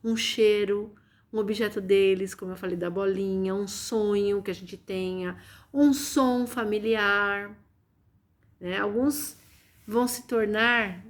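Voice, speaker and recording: A woman with a Brazilian Portuguese accent hosting a casual spiritual live stream from home, chatty and often turning to her viewers. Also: medium pitch. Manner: chatty, keeps addressing viewers with "gente" and "né". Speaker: live-stream host and reiki teacher.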